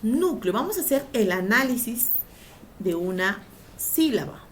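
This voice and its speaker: A woman's voice: on the high side, sing-song, measured pace, slight background noise. A woman teacher giving a grammar lesson, drawing out syllables for emphasis and asking the class questions before answering them herself.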